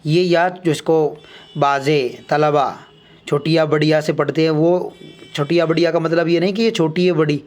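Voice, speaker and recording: Man slowly teaching the alphabet. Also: a little high, steady tone, darkish tone. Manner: slow, deliberate letter-by-letter recitation with explanations. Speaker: Urdu teacher. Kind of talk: alphabet lesson.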